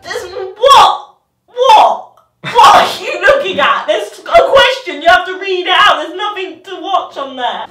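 A woman in her twenties in an excitable quiz challenge, worked up and exclaiming from the cold as she sits freezing. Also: very high voice, unhurried, recorded from a distance. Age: 20s. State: freezing in an ice bath. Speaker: challenge contestant. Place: small tiled bathroom, indoors. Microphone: camera a short distance away. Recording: echoey bathroom, off the mic, music.

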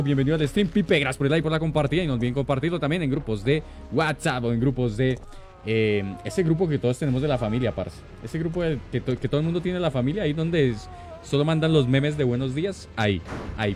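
A man hosting a gaming livestream, greeting chat with lively, slangy, playful banter. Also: fairly high pitch. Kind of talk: casual live-stream chat greeting viewers.

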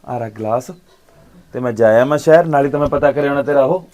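A man, acting as an uncle in a short film, gently consoling and reassuring his niece. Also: medium pitch, fast talker. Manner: warm, fatherly consoling. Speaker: uncle by marriage.

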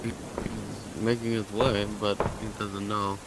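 A man's voice: fairly low pitch, level tone, slow pace, heavy background noise. A man chatting casually with friends during a horror game, with a laid-back, slangy way of talking. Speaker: player in a group horror game. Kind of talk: casual gaming chat.

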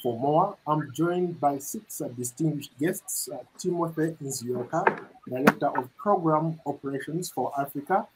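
A middle-aged man reporting and hosting a news interview, speaking in a measured way, with fillers when he ad-libs. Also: fairly high pitch, noisy background. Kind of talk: broadcast news narration and interviewing. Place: studio with branded backdrop. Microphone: lapel mic.

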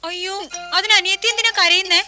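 An actress playing a playful, teasing young wife in a family scene of a TV serial. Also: female voice, extremely high pitch, steady tone, fast, music in the background. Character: playful, chirpy young wife and sister-in-law. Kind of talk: TV serial acting.

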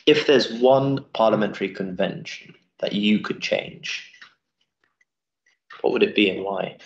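A young man hosts a live interview, reading audience questions in a friendly way. His voice is low with some gravel. Recorded from a distance in a wood-panelled office, the sound is roomy and dull. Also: unhurried.

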